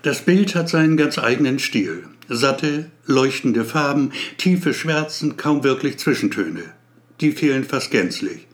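German man reading a story with lively intonation. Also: mid-range voice, unhurried. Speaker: narrator. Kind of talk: read-aloud story narration.

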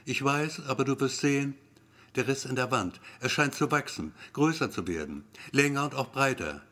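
A man voicing Lisa, an unsettling woman who murmurs in a low, soft, soothing way. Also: expressive, normal speed, lightly acted.

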